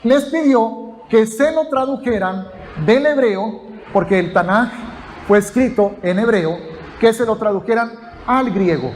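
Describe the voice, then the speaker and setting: A man's voice: high-pitched, unhurried, a little hiss or hum. A man teaching a sermon, explaining step by step and checking in with his listeners. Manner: explanatory, addresses listeners as brothers, asks "ok?". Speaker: pastor.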